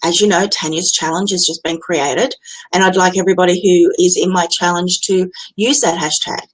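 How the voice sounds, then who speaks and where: A woman's voice: fairly low pitch, fairly even intonation, normal speed, rough recording. A woman with an Australian accent, hosting a live stream as a business coach and talking in a candid, chatty, blunt way. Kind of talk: unscripted live-stream talk.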